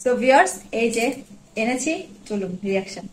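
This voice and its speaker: A woman's voice: a little high, expressive, normal speed, a little mellow, a little hiss or hum. A woman vlogging at home, coaxing her pet dog with repeated short words. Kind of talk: casual home vlog, talking to a pet dog. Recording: echoey room.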